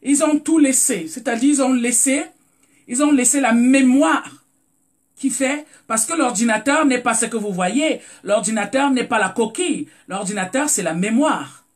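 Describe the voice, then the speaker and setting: Speaking at normal speed and medium pitch, a Cameroonian host with a Cameroonian French accent runs a casual live stream. Along the way, words get repeated mid-search and viewers are greeted by name.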